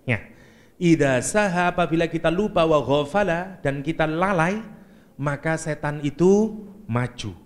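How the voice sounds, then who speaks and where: Lively Javanese-accented male preacher. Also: a little high. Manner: lively, joking, mixes Javanese and English words. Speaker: Islamic preacher. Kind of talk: Quranic exegesis lecture.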